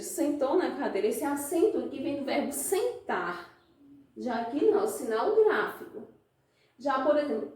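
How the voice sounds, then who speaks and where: Brazilian lady teacher, high voice, takes it slow, lots of quick check-in questions, big echo. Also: a little mellow. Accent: Brazilian Portuguese. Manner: explains slowly, asks the class frequent check questions. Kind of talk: classroom lesson. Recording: very echoey room, voice from a distance.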